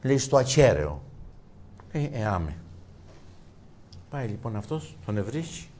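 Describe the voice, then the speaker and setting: A man telling jokes in a chat, acting out the characters and going high and loud at the punchlines. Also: very animated. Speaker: joke teller.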